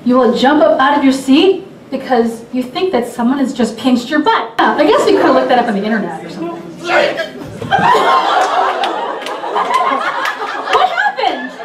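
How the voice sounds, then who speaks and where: A woman's voice: sits high, wildly swooping pitch, normal speed, pauses often, noisy background. A woman stage hypnotist leading a live comedy show, moving from soothing trance suggestions to playful commands. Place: large hall with audience. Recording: echoey hall, distant mic, loud crowd.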